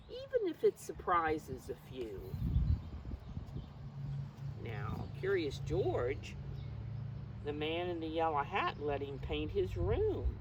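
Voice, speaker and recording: A mature woman with a deep voice reads a picture book to preschoolers, using animated intonation and explaining things simply. She's encouraging and speaks straight to the young children, captured on a distant mic with faint noise behind her.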